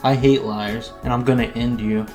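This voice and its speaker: A man's voice: mid-range voice, fairly even intonation, moderate pace, darkish tone, soft background music, natural voice. Angry young hero in an audio fan story, plain voice, man performing. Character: angry determined boy fighter.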